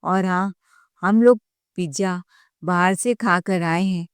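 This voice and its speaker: A woman's voice: fairly low pitch, slow, smooth, dry recording, studio quality. Bold young daughter-in-law, voiced by a woman, frank, insistent, storybook voice.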